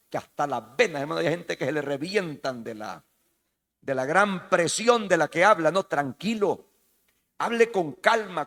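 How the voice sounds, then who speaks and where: A man's voice: fairly high pitch, fairly bright tone. A Salvadoran man preaching a sermon as pastor, emphatic and repetitive, often calling out to the congregation as "hermano". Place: church hall. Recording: reverberant church hall.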